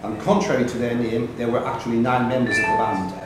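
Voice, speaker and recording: Over loud music in a very echoey pub, with clear chatter around him, a quiz master reads out questions and calls on players by name. He speaks quickly in a steady, mid-range voice.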